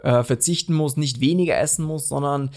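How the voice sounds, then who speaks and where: A man's voice: on the high side, fairly quick, a little mellow. A man hosting a podcast, introducing topics in a friendly, conversational way. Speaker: podcast host. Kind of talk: casual podcast talk.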